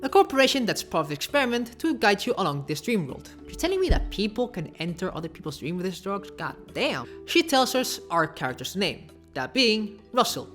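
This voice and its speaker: Fast-talking sarcastic woman essayist. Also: medium pitch, big pitch swings, faint music behind. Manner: sarcastic, offhand asides. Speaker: video essayist. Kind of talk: casual video essay narration.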